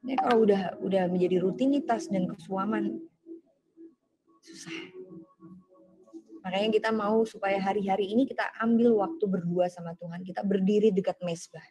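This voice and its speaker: A woman's voice: mid-range voice, steady tone, moderate pace, pauses often, over music. A young woman gives a fervent sermon over a video call. She asks urgent rhetorical questions and slips into slangy, casual asides. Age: young adult. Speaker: speaker giving a testimony and exhortation. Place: online prayer meeting on a video call.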